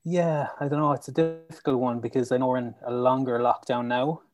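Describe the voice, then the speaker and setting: Speaking briskly with little pitch movement, a medium-pitched man from County Clare, Ireland, joins a podcast as a guest. He's a mental health educator, upbeat and earnest in a casual interview chat from a room at home over a remote call, with music in the background.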